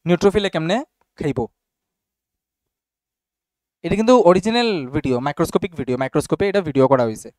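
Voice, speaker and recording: High-voiced male teacher, dry sound. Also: expressive, quick pace, pauses often, darkish tone, dry recording. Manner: explains casually, checks understanding often. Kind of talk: classroom biology lesson.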